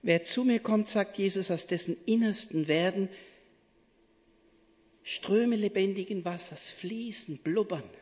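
A preacher giving a devotional sermon, playful, swinging between excited exclaims and hushed, soft asides. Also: mid-range voice, a little slow, in a large hall.

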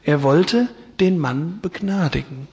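A male preacher tells a story in an earnest, dramatic sermon. His voice sits high for a man. It carries through a church with a long reverb. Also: animated, takes it slowly, a little mellow.

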